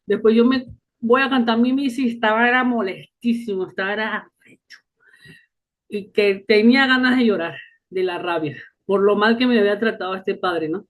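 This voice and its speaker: A man speaking to a faith group, telling stories in a casual, lively way. He often adds short tag questions and laughs along as he talks. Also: high-pitched, normal speed. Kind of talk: casual storytelling talk.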